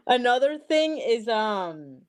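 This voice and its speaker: A woman's voice: fairly high pitch, big pitch swings, takes it slowly. A young woman from Peru, talking as a podcast guest in a chatty, emphatic way, full of likes and literallys. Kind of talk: casual interview chat.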